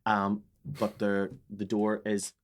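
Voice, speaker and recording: A man co-hosting a comedy podcast, telling stories in an animated, sweary way. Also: on the low side, takes it slowly, a little hiss or hum. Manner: animated storyteller, swears freely, drops into silly voices. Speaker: podcast co-host. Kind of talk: casual comedic chat.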